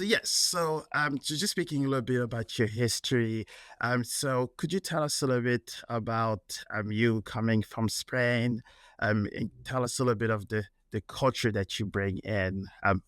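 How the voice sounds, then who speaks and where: A man's voice: medium pitch, moderate pace, fairly bright tone, no room sound, clean studio sound. A man from France hosting a soccer podcast, asking long rambling questions full of fillers. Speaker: podcast host. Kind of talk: interview hosting.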